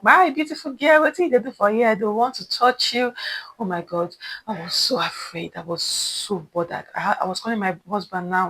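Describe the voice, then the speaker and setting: Animated young Nigerian woman telling a story. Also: mid-range voice, breathy edge, poor audio. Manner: animated, dramatic storytelling with quoted dialogue. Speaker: vlogger. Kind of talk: casual storytime vlog.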